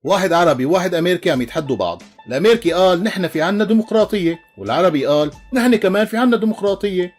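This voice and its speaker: Fast, animated Levantine joke-teller man. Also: high voice, soft background music. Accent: Levantine Arabic. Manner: animated storytelling, switches into character voices, chuckles. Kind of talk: voiced joke compilation.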